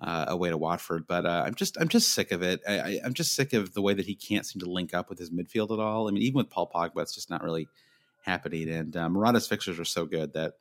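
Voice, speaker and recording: A man co-hosting a casual fantasy football podcast, talking quickly and restarting his sentences when he gets excited. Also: deep voice. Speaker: podcast co-host.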